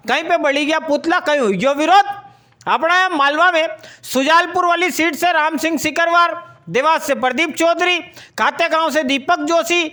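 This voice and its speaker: A woman's voice: very high-pitched, sharp tone. A woman presenting a local news bulletin in a Malwi accent, with a chatty, folksy storytelling delivery.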